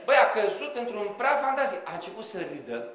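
A man's voice: high-pitched, very noisy. A man telling comic stories to a live audience, acting out the people in them and talking to the crowd. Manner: animated, acts out quoted voices, addresses the audience directly. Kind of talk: live comic storytelling monologue. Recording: roomy hall, audience audible.

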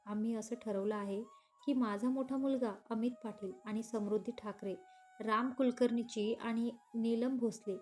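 A man's voice: very high-pitched, a little mellow. A woman voicing a genial father announcing good news at a party in a read-aloud story. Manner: announcing, cheerful.

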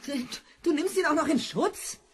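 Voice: sits high, moderate pace, close to an everyday voice. A performer voicing a confused, frightened teenage boy in an audio drama, stammering in panic. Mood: panicky.

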